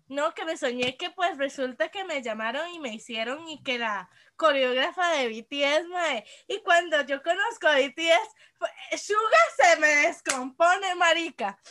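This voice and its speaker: A Costa Rican woman tells her stories in a high, bright voice. She talks casually and with lots of animation, swearing and switching into English mid-sentence. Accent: Costa Rican Spanish. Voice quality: animated storyteller, mixes in English, swears freely. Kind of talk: casual chat, recounting dreams.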